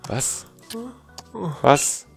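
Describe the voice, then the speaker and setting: A man doing casual gameplay commentary, reading game text aloud and breaking into exasperated, excitable outbursts. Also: drawn-out words, faint music behind. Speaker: let's player.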